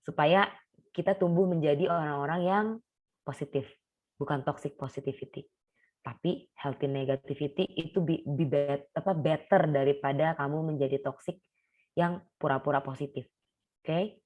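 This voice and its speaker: A young woman with a slightly low voice gives a casual talk to a group. She is chatty and animated, slipping into little acted-out quotes to make her points. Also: moderate pace, highs cut off. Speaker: speaker at a sharing session.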